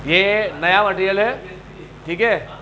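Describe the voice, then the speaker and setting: High-pitched, lively coaching teacher. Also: male voice, slow, a crowd in the background, low-quality recording. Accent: Indian. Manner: animated, scolding and joking with students. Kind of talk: classroom lecture.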